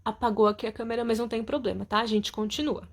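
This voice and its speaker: A woman's voice: fairly high pitch, fairly even intonation, quick pace. A woman teacher recording a lesson at home, patiently going over homework answers and often checking with her students. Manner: explains patiently, keeps asking "tá?".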